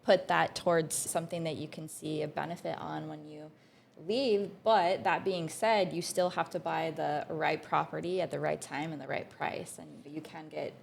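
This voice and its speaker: A woman's voice: sits low, fairly even intonation, creaky, a little hiss or hum. A young woman from Canada, a realtor being interviewed on a podcast, talking earnestly and conversationally. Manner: earnest, conversational, quick short agreements. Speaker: realtor guest.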